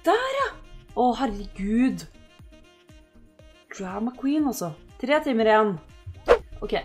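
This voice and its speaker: A woman giving casual let's-play commentary, excitable and yelping at her game characters. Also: mid-range voice. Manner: excitable, yelps and shouts at the characters. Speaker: gaming host.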